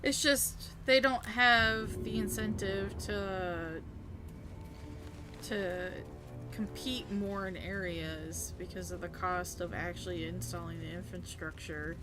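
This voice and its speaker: A woman's voice: on the low side, fairly even intonation, slow pace. A woman in casual gaming chat, talking in a wry, sweary way. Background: game music.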